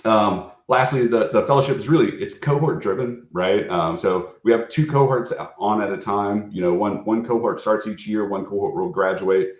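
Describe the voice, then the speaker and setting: A low-voiced American man delivers a recruiter's pitch in an informal presentation. He is conversational and keeps checking that listeners follow. The sound is noticeably roomy and echoing. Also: moderate pace, few pauses. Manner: conversational, frequently checking in with "right?". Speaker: recruiter and fellowship program manager.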